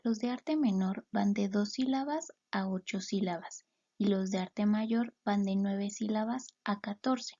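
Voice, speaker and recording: A woman teaching a lesson, explaining step by step and sounding out words slowly, syllable by syllable. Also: medium pitch, warm tone, dull audio. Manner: slow, clear syllable-by-syllable explanations.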